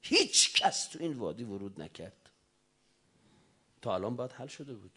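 A male preacher delivers an impassioned sermon to a young audience. He speaks at a middle pitch but lets it leap and fall expressively. He shifts between loud exhortation and quiet, whispered asides. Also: big pitch swings, breathy edge. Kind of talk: religious sermon to young retreat participants.

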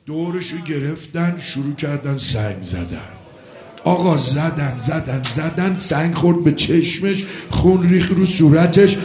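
A man preacher delivering a mourning sermon, swinging between chatty asides and shouted, sung lament. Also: a little high, lively intonation. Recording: echoey hall with faint music.

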